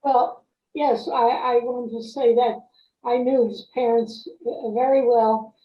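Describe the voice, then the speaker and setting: A woman chatting politely and haltingly on a muffled, echoey video call. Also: on the high side, steady tone. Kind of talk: casual chat on a video call.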